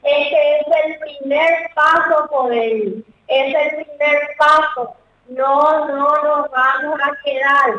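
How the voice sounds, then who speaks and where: A woman's voice: sits high, fairly even intonation, slow, sharp tone. A woman giving a formal, emphatic speech at a ceremony in a theater, heard from a distance. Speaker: vice minister giving a speech. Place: theater auditorium. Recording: echoey hall, far from mic, dull.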